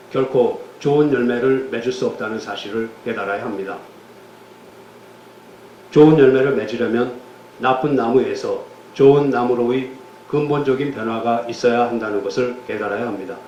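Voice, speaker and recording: A man preaching a sermon as pastor, measured and solemn, then leading a prayer. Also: medium pitch, a little mellow, roomy sound, dull audio, slight background noise. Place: church sanctuary.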